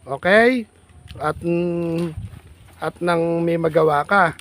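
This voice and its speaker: A man's voice: a little high, takes it slowly, a bit bright, a little hiss or hum. A man vlogging outdoors in farm fields, chatting with a child in a playful, teasing, coaxing way. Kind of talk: casual teasing chat with a child.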